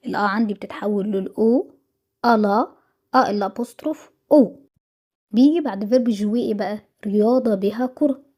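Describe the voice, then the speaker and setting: A woman's voice: a little high, dark tone. An Egyptian woman teaching French vocabulary in a review lesson, patient and repetitive, saying each word twice. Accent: Egyptian Arabic.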